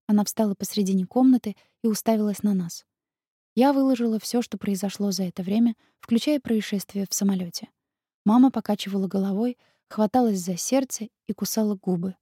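A woman narrating a first-person audiobook in an expressive, emotional way. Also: mid-range voice, breathy edge, no room sound, studio quality.

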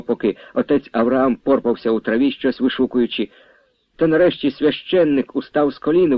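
A man narrating a novel in an even, measured storytelling voice. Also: mid-range voice, no echo, highs cut off.

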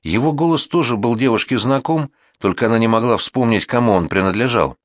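A man narrating an audiobook in an expressive storytelling style. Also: medium pitch, a little fast, no echo, clean studio sound. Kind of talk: scripted narration.

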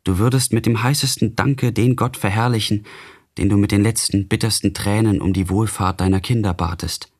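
A man voicing a gentle, devout young woman full of grief in a literary radio reading, his voice husky. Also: fairly low pitch, fairly even intonation, normal speed, lightly acted. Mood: tender grieving.

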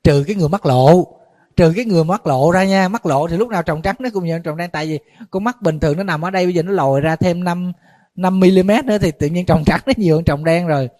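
A man, a Buddhist monk giving a conversational dharma talk, a little tired, animated when he tells stories. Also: sits high, quick pace. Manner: conversational storytelling, animated when retelling shouting.

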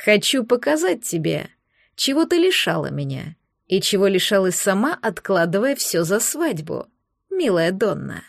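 A woman voicing a smug, cruel male sorcerer in an audiobook, speaking in a honeyed, sneering, deliberate way. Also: medium pitch, very animated, gravelly, no room sound, clean studio sound, pitched below the performer's own voice. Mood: menacing. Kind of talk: audiobook character voice.

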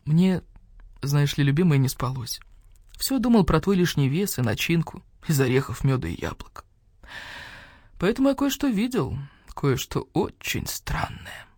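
A devoted little mini-pig husband, voiced by a woman, speaking in a lower, softer, hushed tone, earnest and a bit solemn. The reading is dry and close to the mic. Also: big pitch swings, unhurried, no echo, full character voice. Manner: tender, grave and hushed. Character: small fit male mini-pig, devoted worried husband.

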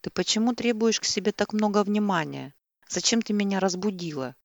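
A woman's voice: mid-range voice, lively intonation, a little fast, no echo, pitched above the performer's own voice, lightly acted. A woman reading an irritated dismissive young man. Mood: exasperated. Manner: dismissive, exasperated.

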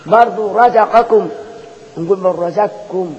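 A man's voice: high-pitched, fast, a little mellow, slightly rough. A man with an Egyptian Arabic accent, teaching Quran recitation rules as a lecture, who keeps posing rhetorical questions and repeating each point to drill his students. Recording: dull lo-fi sound with long hall reverb.

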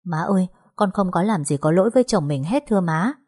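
A woman's voice: lively intonation, fast talker, darkish tone, breathy edge. A woman voicing a frightened, indignant young wife. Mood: pleading. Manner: high, protesting.

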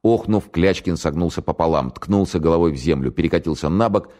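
Man, extremely deep voice, audiobook narration, measured, dramatic. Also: warm tone.

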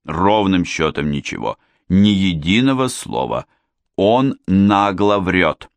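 A man's voice: low-pitched, animated, slow pace, no echo, full character voice. A man voicing a smarmy prince who speaks in an unctuous, drawling manner. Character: smarmy, ingratiating foreign prince, middle-aged.

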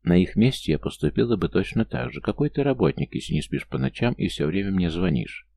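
A man's voice: sits low, expressive, a little fast, creaky, dark tone, heavily acted. A man voicing an emotional woman in her thirties in an audiobook, pleading and exasperated. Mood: tender.

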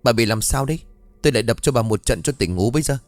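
A man voicing a big, short-tempered tattooed man who scolds gruffly and fast. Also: mid-range voice, expressive, no room sound, soft background music, lightly acted. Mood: scolding.

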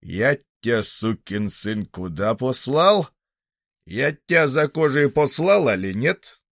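A man voicing a gruff, bald, middle-aged bookbinder who scolds in coarse folk speech. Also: on the low side, expressive, slow, no echo, studio quality. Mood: scolding.

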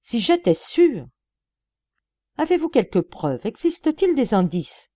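A woman voicing a dignified, stern male magistrate in a storybook reading, speaking formally and crisply. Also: medium pitch, sing-song, normal speed, dark tone, no room sound, natural voice. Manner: formal and clipped.

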